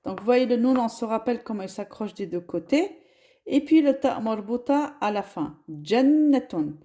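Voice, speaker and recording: A woman's voice: fairly high pitch, expressive, normal speed, dark tone, highs cut off. A woman teaching a lesson, spelling words out syllable by syllable. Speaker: Arabic teacher.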